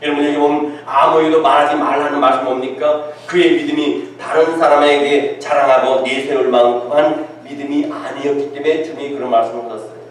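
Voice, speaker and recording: A man's voice: on the high side, fairly even intonation, fairly quick, hardly any pauses. A man preaching a sermon as pastor and putting questions to his congregation. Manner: asks the congregation rhetorical questions. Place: church sanctuary. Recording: echoey church hall from far off.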